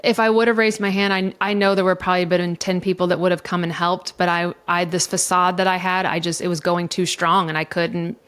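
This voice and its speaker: A woman's voice: lowish voice, flat delivery, brisk, hardly any pauses, fairly bright tone, smooth. A middle-aged woman, a divorce coach, talking candidly and emotionally in a podcast interview, swearing freely as she goes. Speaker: divorce coach and mediator guest.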